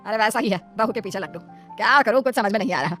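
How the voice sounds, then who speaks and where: A woman's voice: mid-range voice, expressive, fast talker, fairly bright tone, faint music behind, close to an everyday voice. A woman voicing a bossy, possessive middle-aged mother-in-law in a cartoon story, scolding and complaining.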